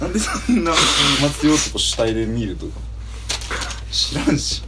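A man's voice: mid-range voice, sing-song, moderate pace, heavy background noise. A man in casual chat who laughs often and protests playfully.

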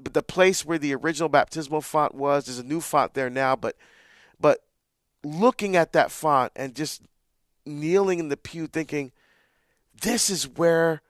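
A man's voice: on the high side, no room sound, studio quality. Earnest Barbados-born man hosting radio. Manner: earnest, warm storytelling with frequent restarts. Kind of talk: live call-in radio talk.

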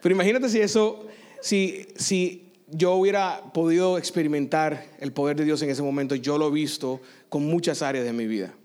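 A man pastor preaching a sermon, telling a personal story in an animated way and slipping into English phrases now and then. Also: a little high, moderate pace, clear, resonant tone. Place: church service.

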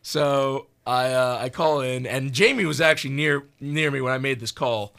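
A young man with a bright, mid-pitched voice, winding through a story in loose, halting sentences. He leans on fillers and keeps restarting his thoughts. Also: fairly even intonation, vocal fry. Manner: rambling, filler-heavy. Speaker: podcast co-host. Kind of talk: casual storytelling.

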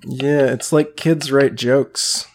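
A man's voice: medium pitch, fairly even intonation, slow, darkish tone. A man chatting casually and teasing his friends, recorded with noise behind him. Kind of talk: casual chat, teasing banter. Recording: clearly noisy background.

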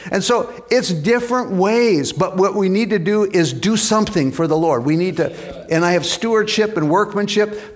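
A male pastor preaching in a church, his voice sitting a little high for a man. He keeps the sermon lively and calls on the congregation for amens.

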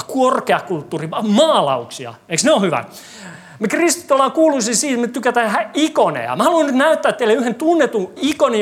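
Preacher, sermon to a congregation, rhetorical questions, wry humor, church hall. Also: mid-range voice.

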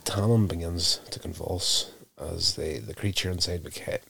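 A man casually recapping a TV episode, telling it in an unhurried, self-correcting way. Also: low-pitched, gravelly, bright, forceful tone, husky.

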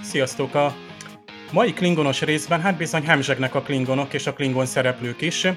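A man hosting a podcast, giving solo commentary on a TV episode and pausing often on filler sounds. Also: on the high side, steady tone, over loud music. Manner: hesitant, many filler sounds. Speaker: podcast host.

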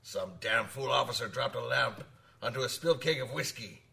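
An actor playing a gruff, hearty old sailor who savors short phrases as he spins dramatic tales of the sea. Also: medium pitch, moderate pace, bright, forceful tone, distant mic. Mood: grave storytelling. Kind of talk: dramatic audio storytelling.

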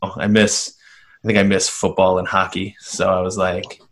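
A man's voice: deep voice, monotone. A man in his late twenties co-hosting a podcast, rambling casually and joking at his own expense. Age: 20s. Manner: rambling, self-mocking, quick to laugh. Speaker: podcast co-host. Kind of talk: casual chat.

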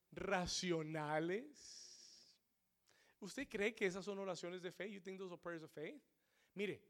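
A man preaching a sermon to a congregation, repeating his points in English and rising to shouts before dropping low and slow. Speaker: pastor. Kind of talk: bilingual sermon. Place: church sanctuary.

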